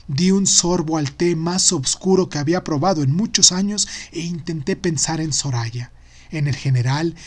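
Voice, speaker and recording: Guy reading a novel as an audiobook, voice a bit on the high side, expressive storytelling. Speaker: audiobook narrator. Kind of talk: expressive literary audiobook narration.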